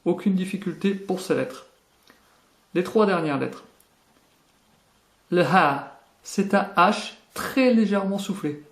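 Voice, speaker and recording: Slow, deliberate male teacher in an echoey room. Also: high voice, animated, gravelly. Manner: slow, deliberate, exaggerated articulation. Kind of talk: language lesson, pronouncing letters one by one.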